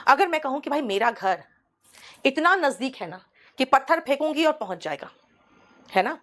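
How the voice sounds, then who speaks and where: A woman's voice: high-pitched, big pitch swings, normal speed, a bit bright. A woman teaching an online English class, explaining idioms patiently and calling her students "beta". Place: studio.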